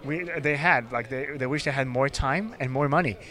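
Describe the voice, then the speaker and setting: A man's voice: medium pitch, normal speed, bright, forceful tone. A man, a film director, talking earnestly about his film, with many fillers. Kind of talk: casual interview.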